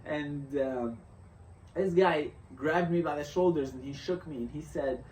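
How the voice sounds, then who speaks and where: A young man from Syria talking through a reflective motivational vlog, halting and restarting often as he thinks aloud. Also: on the high side, darkish tone, recorded from a distance, slight background noise. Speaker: vlogger. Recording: roomy echo, off-mic, faint ambience.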